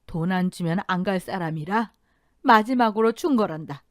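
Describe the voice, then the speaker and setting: A woman's voice: on the low side, normal speed, no echo, studio quality, lightly acted. A woman voicing an elderly grandmother in an audio drama, tearful one moment and scolding fiercely to protect her granddaughter the next. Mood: gentle. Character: elderly grandmother, rice-mill owner, fierce but grieving.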